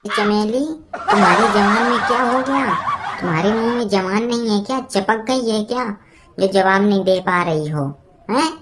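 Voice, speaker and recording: A woman's voice: mid-range voice, normal speed, natural voice. A woman voicing a puzzled grown son. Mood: questioning. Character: adult son, puzzled and questioning. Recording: loud background noise.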